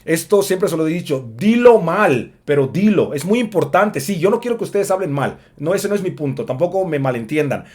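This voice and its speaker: Chatty guy teaching english, kinda high voice, lots of ums. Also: expressive, brisk, few pauses, a little mellow. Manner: chatty, lots of fillers, sings snippets. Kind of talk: casual spoken lesson.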